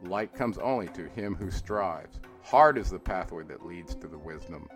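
A man with a very low, heavy voice reads an archaic mystical text like an incantation. His delivery is slow and declamatory, lifting on every call and falling away at the close of each line. Soft guitar plays faintly under him. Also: expressive. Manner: slow, intoning and declamatory, rising on calls and dropping low at line ends. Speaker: reader. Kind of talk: solemn dramatic reading of an archaic mystical text. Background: soft guitar music.

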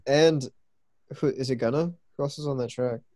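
A man's voice: medium pitch, moderate pace, dark tone. A young man who is a guest on a podcast, chatting casually and asking lots of questions. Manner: easygoing, asks lots of questions. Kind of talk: casual chat.

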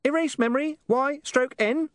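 A shrill, fussy little imp. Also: male voice, normal speed, dry recording, clean studio sound. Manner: pedantic, rattles off fine print. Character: tiny fussy green imp in a gadget box.

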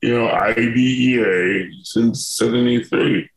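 A man's voice: medium pitch, takes it slowly, creaky, echoey room, slight background noise, low-quality recording. A man from Buffalo, New York, a guest on an interview podcast, talking emphatically and repeating words as he restarts. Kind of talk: conversational interview.

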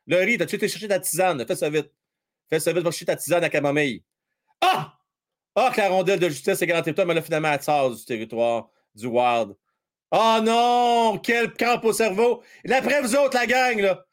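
Shouting at the action and then sinking into a mutter to talk with viewers, this middle-aged Québécois man provides live fan commentary on hockey. His voice sits high and is expressive, moving at a moderate pace.

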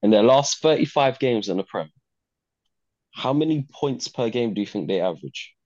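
A man's voice: mid-range voice, expressive, normal speed, darkish tone, no echo, lo-fi sound. A man with a London roadman accent bantering casually about football in slang, putting questions to the others. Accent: London, urban slang (roadman). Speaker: football podcast co-host.

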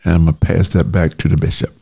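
A man with a very deep, gravelly voice and a mellow, dark tone speaks as a guest on a call. He reflects slowly and haltingly, filling his pauses with small hesitations. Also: little pitch movement, dry recording.

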